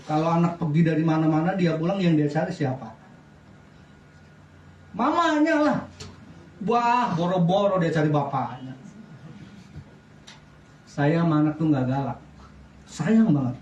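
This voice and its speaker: A middle-aged man preaching a sermon as pastor, lively, often asking the congregation questions. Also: on the high side, unhurried, long pauses, muffled recording, a little hiss or hum. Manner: lively preaching with wide swings in loudness, asks the congregation questions. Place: church. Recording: echoey church sound from a distance.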